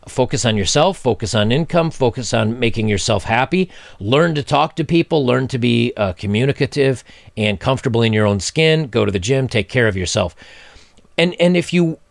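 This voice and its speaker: A man's voice: mid-range voice, vocal fry, no echo, studio quality. A man in his forties giving blunt, opinionated commentary while reading a news story aloud, with mocking asides. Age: 40s.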